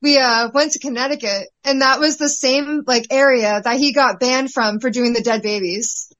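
A woman with a high voice co-hosts a podcast. She talks with enthusiasm and swears freely. Her sound is dull and lo-fi. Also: steady tone, normal speed, fairly bright tone. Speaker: podcast co-host. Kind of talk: casual podcast chat.

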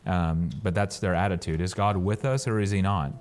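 A man teaching a Bible study sermon, reading verses aloud and explaining them in a halting way, often repeating words as he goes. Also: sits low, steady tone.

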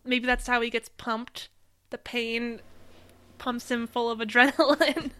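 A woman's voice: on the high side, fairly even intonation, a little slow, pushed and bright, clean tone. A young adult woman co-hosting a podcast, chatting casually and laughing often between sentences. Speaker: podcast co-host. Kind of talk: casual chat.

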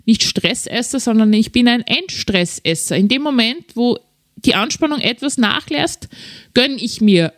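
A woman's voice: high voice, dry recording, studio quality. A middle-aged woman telling a confessional personal story as a podcast host, drawing out key words for drama. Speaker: podcast host and keynote speaker.

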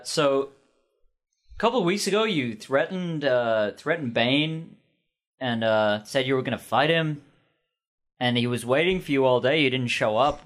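A man running a tabletop game, chatting casually at a middle pitch. He laughs often and fills pauses with ums. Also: fairly bright tone. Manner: laughing, hesitant with many ums. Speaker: game master.

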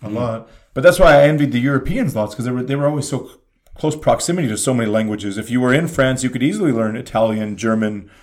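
Talking fast in a mid-range voice, this man from Canada tells stories in a casual chat. He's animated and emphatic throughout.

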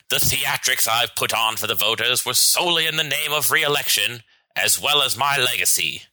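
A man playing a scheming, vain president in a satirical sketch, speaking with slow, pompous, theatrical villain menace. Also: medium pitch, pushed and bright, no room sound, pitched above the performer's own voice, rough recording. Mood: smug menace. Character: scheming, vain, power-hungry male American president as villain. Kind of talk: scripted satirical sketch acting.

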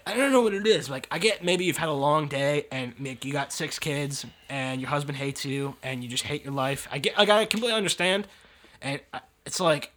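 A man co-hosting a casual chat, rambling and complaining with exasperated, quick bursts. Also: a little high, fairly bright tone, slight background noise. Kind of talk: casual banter.

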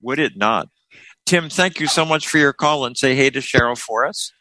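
A man hosting a call-in radio show, chatting with callers in a friendly, quick back-and-forth. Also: medium pitch, bright, forceful tone, no room sound, rough recording.

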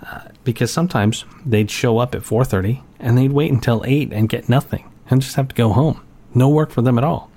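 A man's voice: on the low side, warm tone. A middle-aged man talking in a casual monologue, candid and blunt, chuckling now and then.

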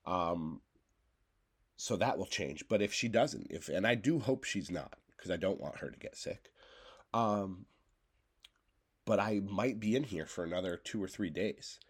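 He pauses often and talks a little slowly, his low, expressive voice carrying a breathy edge. The speaker is a congested, coughing man in his thirties hosting a solo podcast in his home bedroom, rambling loosely wherever his thoughts lead.

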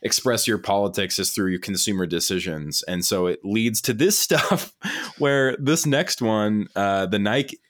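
A man's voice: fairly low pitch, a little slow. A man co-hosting a casual podcast, talking loosely with frequent laughs and lots of "dude" and "like". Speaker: podcast co-host. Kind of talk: casual chat.

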